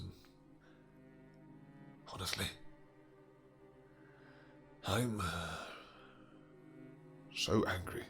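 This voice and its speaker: A man performs a possessive, vengeful vampire king in a fantasy romance audio roleplay. His voice sits low, with music behind it. He speaks in courtly, archaic turns, pausing hesitantly and dropping tender endearments. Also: creaky, fairly bright tone, heavily acted. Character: doting, possessive, vengeful male vampire king with horns and wings.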